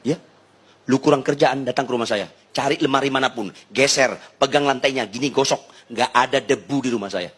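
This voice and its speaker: A man from Indonesia preaching a humorous sermon to a live congregation, telling stories and bantering with the listeners. He swings between loud outbursts and quiet asides. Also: mid-range voice, fairly quick, husky. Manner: lively storytelling, banters with the congregation.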